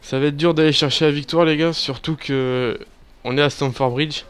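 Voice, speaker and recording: A man giving casual, excitable commentary over a football video game, swearing and cheering at his players. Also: a little high, normal speed, clean tone. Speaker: gaming YouTuber. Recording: faint background music.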